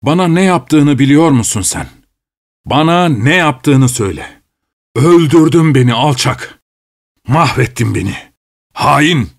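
A man's voice: medium pitch, expressive, unhurried, creaky, long pauses, no echo, studio quality, voice pushed up. A man doing a nervous, fussy clerk. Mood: furious. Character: anxious, fussy middle-aged male clerk, easily enraged.

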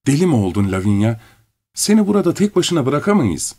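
A man's voice: medium pitch, big pitch swings, brisk, darkish tone, voice pushed up. A man reading the part of an anxious young woman friend in a storybook, pleading and worried. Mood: alarmed.

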